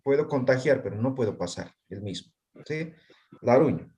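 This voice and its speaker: A man's voice: medium pitch, expressive, moderate pace, dark tone. A man teaching a language class, quizzing his students and checking often whether they follow. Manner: constantly checks understanding with tag questions. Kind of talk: online class.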